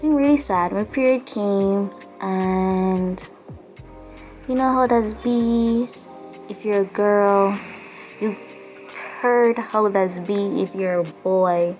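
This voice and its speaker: Brief: young Barbadian woman, video diary, slow and tired delivery, sighing, faint music underneath. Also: mid-range voice, darkish tone. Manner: weary, downcast and frustrated, with sighs. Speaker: vlogger. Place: quarantine room, indoors. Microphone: self-filmed camera up close.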